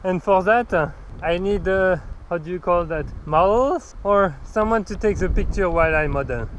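A man's voice: sits high, moderate pace, a little hiss or hum, rough recording. A man with a French accent hosting a sailing travel vlog outdoors on a boat. He sounds upbeat and playful, sometimes searches for a word, and drops French phrases in. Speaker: vlog host. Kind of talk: casual travel vlog narration.

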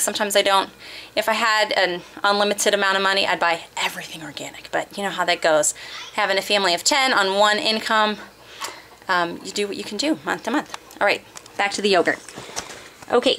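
A woman in her thirties talks casually through a grocery haul in her home kitchen, stopping to check a receipt and reading out prices. She speaks at an everyday mid pitch into a handheld camera held close, with faint noise in the background. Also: fairly bright tone. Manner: chatty, reads prices off a receipt, frequent pauses and fillers. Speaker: homeschooling mother and vlogger.

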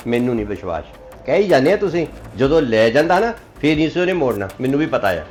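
A man's voice: mid-range voice, very animated, quick pace, darkish tone, faint music behind, natural voice. A man with a Punjabi accent playing a son who lectures and warns his elderly mother. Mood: lecturing. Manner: lecturing, warning. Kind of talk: family drama acting.

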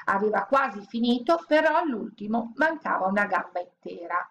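A woman reading a children's story aloud as an audiobook, narrating in a steady, expressive way. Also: medium pitch, normal speed. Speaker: audiobook reader.

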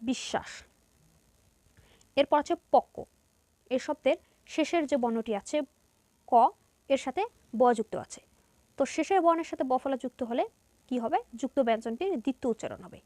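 A woman's voice: sits high, a little fast, pauses often, a little mellow, no echo. A woman with a Bangladeshi Bengali accent teaching a grammar lesson to students, going step by step and asking and answering her own questions.

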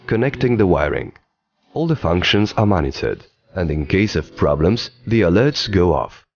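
A man giving scripted documentary narration in an even, explanatory delivery, recorded as a studio voice-over. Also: low-pitched, muffled recording.

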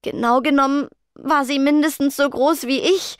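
A woman's voice: high voice, fairly even intonation, normal speed, no room sound, studio quality, voice pushed up, close to an everyday voice. A woman voicing a timid stammering ghost girl. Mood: nervous. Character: shy nervous teenage ghost girl.

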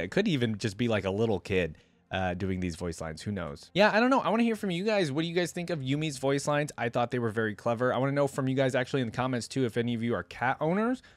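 Here a young adult reaction host sits at his gaming desk in a small indoor space, talking casually and excitedly into a nearby desk microphone. His voice is medium-pitched, there's no echo, and he rambles somewhat.

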